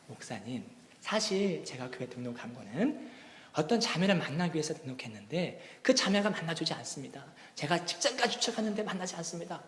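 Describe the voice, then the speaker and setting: A male pastor voicing a polite young man who speaks quietly and earnestly in a reverberant church hall. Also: on the high side, very animated, brisk. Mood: subdued. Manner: quiet and subdued.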